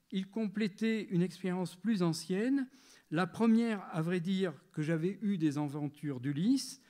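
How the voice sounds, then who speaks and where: A man in his sixties from France, reading a prepared lecture at a literary gathering in a measured, literary way, with occasional hesitations. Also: high voice, dark tone.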